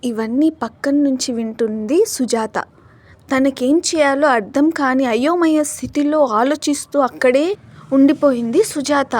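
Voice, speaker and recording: A woman narrating a scripted cartoon story in an even, storytelling manner. Her voice sits high. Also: normal speed.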